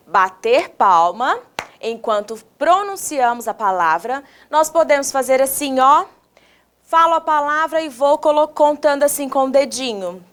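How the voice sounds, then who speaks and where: A woman with a Brazilian Portuguese accent teaching young children in a recorded video lesson, sounding words out slowly, syllable by syllable, and asking the viewers questions in an encouraging, sing-song teacher voice. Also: high voice, a bit bright. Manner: slow, exaggerated syllable-by-syllable pronunciation with questions to the viewers.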